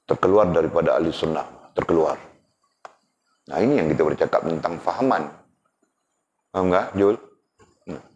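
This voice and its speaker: A man's voice: low-pitched, moderate pace, pauses often, darkish tone. A man teaching a religious lesson in a conversational way, often asking his students questions. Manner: conversational, rhetorical tag questions, addresses students. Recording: dull lo-fi recording.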